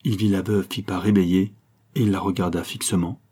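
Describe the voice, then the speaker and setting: Low, husky male narrator. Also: steady tone, fairly quick, mellow. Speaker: audiobook narrator. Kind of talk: reading a novel aloud.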